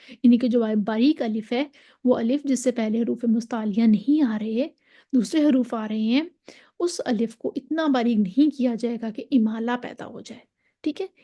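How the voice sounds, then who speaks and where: A woman's voice: fairly high pitch, mellow, muffled recording. A woman with a Pakistani Urdu accent teaching a tajweed lesson, patiently repeating and drawing out example syllables. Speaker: Quran recitation teacher.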